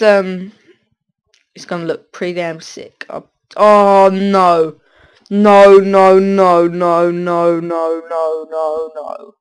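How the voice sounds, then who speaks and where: A teenage boy with a stuffy cold gives casual gameplay commentary, rambling, distracted, and often breaking off mid-sentence. His male voice is high-pitched, clear and resonant.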